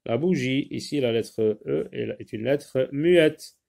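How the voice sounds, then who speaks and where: A man's voice: medium pitch, measured pace, vocal fry, darkish tone. A man teaching a French spelling lesson, spelling out words letter by letter and stressing each dictated word. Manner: addresses pupils and parents directly.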